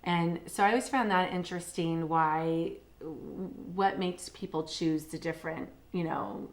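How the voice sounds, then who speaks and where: A woman co-hosting a relaxed podcast, speaking in a fairly low voice. She chats easily, trails into fillers and restarts, and now and then reads a passage aloud. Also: measured pace. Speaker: podcast co-host. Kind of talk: casual podcast chat.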